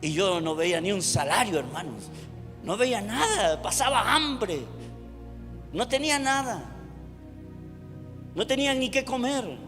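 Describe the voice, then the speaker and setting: A middle-aged man with a Chilean accent preaching a sermon to his congregation, rising to shouts. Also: high-pitched, lively intonation, unhurried, pauses often, in a large hall, over music. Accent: Chilean Spanish. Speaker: pastor. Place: church hall.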